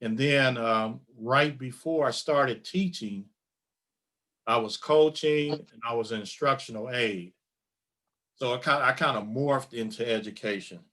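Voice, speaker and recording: A middle-aged man hosting a community podcast interview, speaking in a measured, formal way. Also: medium pitch, sharp tone. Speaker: podcast host.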